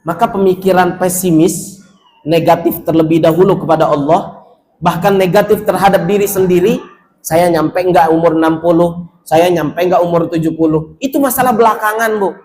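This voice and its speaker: A man's voice: high voice, normal speed, darkish tone. A man preaches to pilgrims in a mosque. He urges them on, acts out their doubts, and chants Arabic passages. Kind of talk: sermon to pilgrims.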